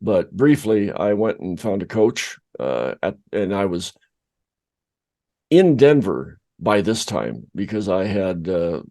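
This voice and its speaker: Middle-aged male podcast co-host, low voice, casual, self-deprecating storyteller. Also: very animated, slow, dark tone.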